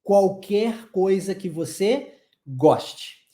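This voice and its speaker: A Brazilian man teaches English in a lively, chatty way, repeating phrases for practice. His voice is mellow and dark. It is recorded in an echoey room. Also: high-pitched, extremely slow. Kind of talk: online English lesson in Portuguese.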